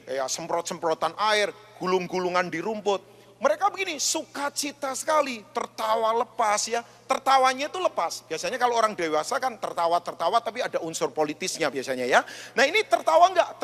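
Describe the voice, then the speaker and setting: Animated high-voiced pastor preaching. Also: male voice. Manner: animated storytelling preacher, rising to shouts. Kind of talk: sermon. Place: large church hall. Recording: echoey church hall.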